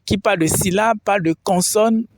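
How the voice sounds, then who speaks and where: A man's voice: sits high, normal speed, vocal fry, a little hiss or hum. A man teaching pronunciation in French, patiently drilling tones and vowels, with frequent fillers. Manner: fillers and restarts when speaking freely. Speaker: Chinese language teacher. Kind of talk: language lesson, pronunciation drills.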